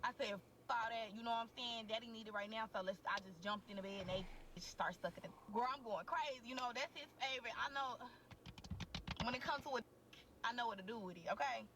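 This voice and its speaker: A woman's voice: fairly high pitch, fast, noisy background. Slangy woman telling a candid story. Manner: crude, slangy, animated, addresses listeners directly. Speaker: podcast co-host. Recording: voice a bit distant from the mic.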